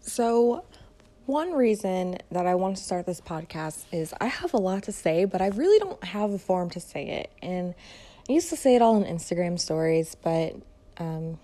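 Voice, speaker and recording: In a fairly low, dark voice with a sing-song lilt, this twenty-something from Detroit, Michigan speaks at normal speed on her solo podcast. She's a fitness and mindset coach, and her monologue is casual and rambling, full of fillers, yet soothing to hear.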